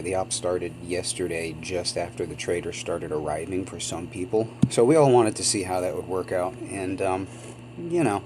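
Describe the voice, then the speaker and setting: This is casual gameplay commentary from a gaming channel host whose voice is very low. He wanders loosely from thought to thought, full of ums and minor apologies, and sounds stuffed up with a cold. A steady hum sits under the home recording.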